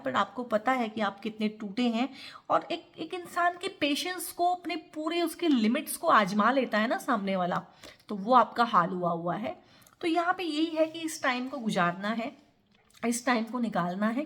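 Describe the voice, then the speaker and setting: Woman, tarot reader, earnest and advising, slightly high voice, talks straight to viewers. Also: fairly bright tone. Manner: earnest, advising, mixes English words into Hindi. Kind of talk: tarot reading monologue.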